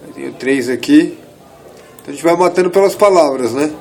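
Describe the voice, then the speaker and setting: A man in his thirties from Brazil, teaching English in a casual lesson, switching between quick asides and slow, careful reading of English phrases. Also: a little high, creaky, darkish tone, slight background noise, poor audio. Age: 30s. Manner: explains in quick asides, slows down to read English. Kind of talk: casual bilingual language lesson.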